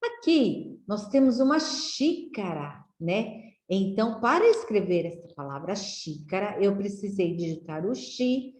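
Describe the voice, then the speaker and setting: A Brazilian woman teaching young children to read, drilling syllables slowly and asking them friendly questions. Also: medium pitch, sing-song, darkish tone. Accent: Brazilian Portuguese. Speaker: literacy teacher. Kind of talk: slow, clearly enunciated lesson for young children. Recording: echoey room.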